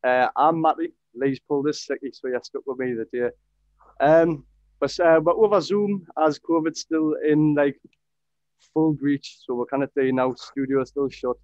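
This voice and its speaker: A man's voice: fairly high pitch, fairly even intonation, moderate pace, a little mellow, dry recording, highs cut off. A young man hosting a casual podcast interview over a video call, chatty and upbeat. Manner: chatty, upbeat, says "brilliant" often. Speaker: podcast host. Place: home room with fight posters. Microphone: headset.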